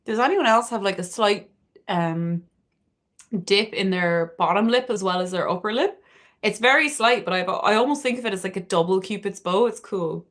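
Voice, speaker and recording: With a medium-pitched, fairly bright voice at a normal speed, this young Irish woman from Cork chats through her makeup routine on a livestream. As a beauty streamer, she talks frankly and swears freely in her local accent.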